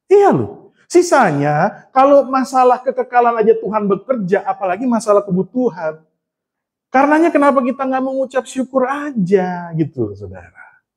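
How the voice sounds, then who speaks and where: A preacher with a notably high voice tells a long personal story in a relaxed, conversational sermon. He keeps turning to his listeners and teases himself along the way. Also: moderate pace. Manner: conversational storytelling, often addressing the congregation; humorous and self-mocking.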